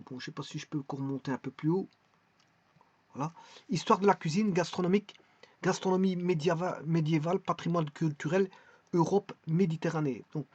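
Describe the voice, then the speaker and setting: A man's voice: fairly high pitch, darkish tone, breathy edge, dry recording, highs cut off. A man talking casually in a vlog, presenting a website with many hesitations, restarts and repeated words.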